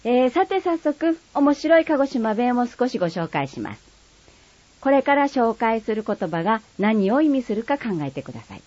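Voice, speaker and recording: Brief: Kagoshima-born woman running a playful dialect lesson, animated delivery, dull dry sound. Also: fairly high pitch, moderate pace, no echo. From Kagoshima, Japan. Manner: explanatory and playful, drawing out quiz words. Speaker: dialect teacher. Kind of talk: scripted mini-lesson. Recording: slightly muffled dry recording.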